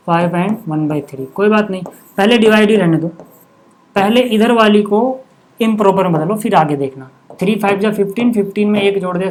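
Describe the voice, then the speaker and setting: This casual classroom maths lesson comes from a man explaining at a board, who keeps checking his students' understanding with short asides. His voice is high, with a little hiss or hum in the recording.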